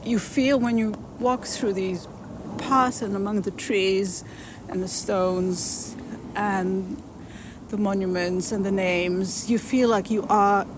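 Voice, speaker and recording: A woman interviewer speaking reflectively and haltingly while walking outdoors. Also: medium pitch, steady tone. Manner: reflective, hesitant, many fillers. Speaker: interviewer host. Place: outdoors in a cemetery, traffic nearby. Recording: outdoor background noise and traffic.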